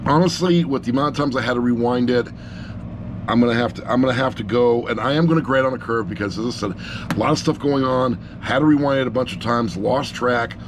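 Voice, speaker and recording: This amateur audiobook reviewer, a middle-aged man, talks fast in a mid-range voice. His unscripted review is casual, rambling, blunt and self-deprecating, captured with background noise by an action camera sitting on a laptop.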